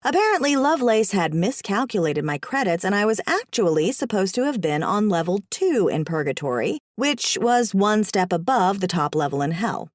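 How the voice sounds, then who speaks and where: A woman reads a first-person story aloud with sass and wry humor. Her pitch rises and falls in a lively way, and the sound is dry and close. Her voice sits in a middle register. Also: moderate pace, few pauses, no room sound. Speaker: audiobook narrator. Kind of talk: scripted first-person narration.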